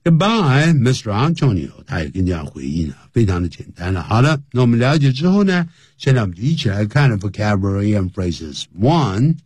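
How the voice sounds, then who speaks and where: A man with a low, husky voice teaches English phrases in a radio lesson. His pitch jumps up and down a lot as he explains each phrase. He spells words out letter by letter. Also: big pitch swings, fairly quick, few pauses, darkish tone, no room sound.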